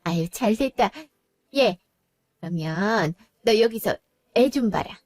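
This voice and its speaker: A woman's voice: medium pitch, lively intonation, takes it slowly, darkish tone, dry recording, clean studio sound. A woman voice actor playing a pushy, nagging older mother-in-law in a Korean audio drama. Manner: nagging, bossy.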